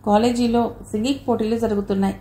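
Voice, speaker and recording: A teasing young college friend, as a woman storyteller puts him on, casual and nudging, pitched a touch lower and quieter. The audio novel's room adds a noticeable echo and faint hiss. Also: fairly even intonation, fast, close to an everyday voice. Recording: roomy echo, faint noise.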